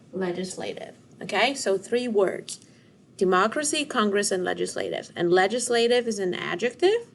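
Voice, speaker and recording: A woman teacher walks children through a phonics lesson, speaking at a middle pitch. She sounds words out slowly, syllable by syllable, with careful enunciation, and a faint hiss sits under her voice. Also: a bit bright. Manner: slow, clear over-enunciation of syllables.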